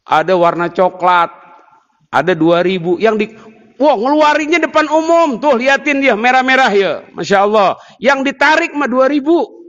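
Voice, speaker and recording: Lively high-voiced male preacher, hall echo. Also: normal speed, highs cut off. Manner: lively, teasing, jokes with the crowd. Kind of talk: sermon.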